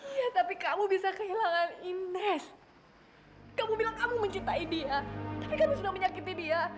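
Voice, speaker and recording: A woman's voice: very high voice, normal speed. An actress playing a distressed older sister who scolds her brother while near tears, in a TV drama. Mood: scolding tearful. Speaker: older sister figure (Mbak). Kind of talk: TV drama acting. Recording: TV drama with loud music behind.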